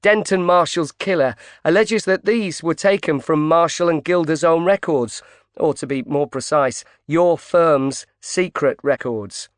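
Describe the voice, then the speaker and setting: A man voicing a sharp, pushy woman tabloid reporter in an audiobook reading. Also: a little high, a little slow, no room sound, clean studio sound, pitched above the performer's own voice, lightly acted. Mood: pressing.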